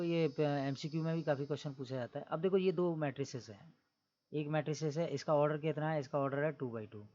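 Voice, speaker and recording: The lo-fi recording captures a man with a fairly high yet darkish voice giving a classroom-style maths lecture. Step by step he explains the problem, quizzing his students along the way and repeatedly ending lines with "theek hai na."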